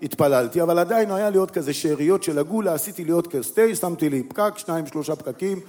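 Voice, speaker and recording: A middle-aged man doing stand-up, telling a long comic story and acting out the voices of the people in it with big swings in pitch. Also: warm tone. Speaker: stand-up comedian.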